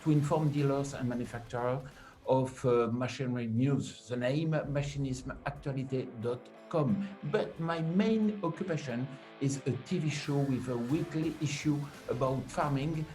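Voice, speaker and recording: Brief: man, mid voice, measured delivery. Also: mid-range voice, a little mellow, faint music behind. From France. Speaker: press group head.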